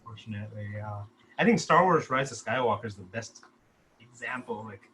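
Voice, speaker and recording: At a table read, a filmmaker casually explains his short script during a group discussion. He speaks a little fast in a fairly low voice with lively intonation, over a noisy background.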